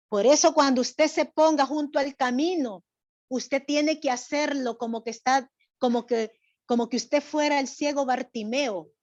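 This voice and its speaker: A woman's voice: high voice, no room sound, muffled recording. A woman church teacher giving a Bible lesson and directing a drama, quizzing her group and often checking with "right?". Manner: asks the group questions, often adds "right?".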